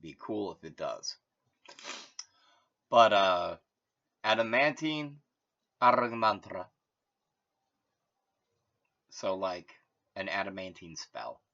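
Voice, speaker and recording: A man's voice: low-pitched, expressive, slow, vocal fry, pauses often, a bit bright. A man hosting his own channel, talking in a meandering, casual solo monologue full of fillers and self-corrections. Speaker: host. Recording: dull lo-fi recording.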